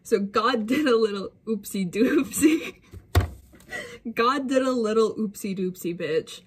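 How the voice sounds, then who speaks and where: A woman's voice: a little high, takes it slowly, a little hiss or hum. A young woman chatting casually and jokingly to her viewers as a vlogger, swearing freely. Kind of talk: casual chat.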